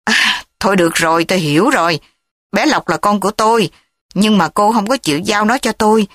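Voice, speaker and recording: Brief: a woman doing an old scheming uncle in a storybook reading, low-key, menacing, dry sound. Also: a little fast, a bit bright, no room sound, close to an everyday voice. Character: older man, scheming threatening uncle.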